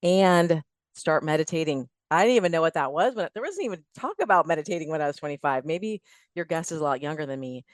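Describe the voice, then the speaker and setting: A middle-aged woman with a low voice, recorded dry, chats as a podcast guest. She gives emphatic, plain-spoken fitness advice in a casual interview style, building her points as lists.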